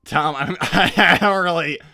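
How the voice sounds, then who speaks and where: Casting: man as young male cartoon hedgehog, high-pitched and bright, casual, rambling, a bit awkward, dry close sound. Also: slow, vocal fry, dry recording, heavily acted. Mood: awkward, friendly. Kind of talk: improvised in-character livestream Q&A.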